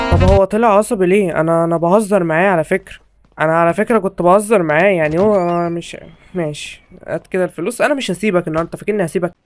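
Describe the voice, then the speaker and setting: A young man with an Egyptian Arabic accent giving jokey, excitable horror game commentary to his viewers from a home setup. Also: sits high, racing, soft background music. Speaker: gaming YouTuber.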